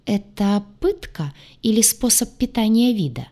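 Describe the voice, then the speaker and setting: A woman's voice: medium pitch, animated, measured pace, dark tone, voice pushed up. A woman voicing a huge, nervous horned male demon who pleads in panicky, stammering bursts, raised above her own voice. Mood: panicked.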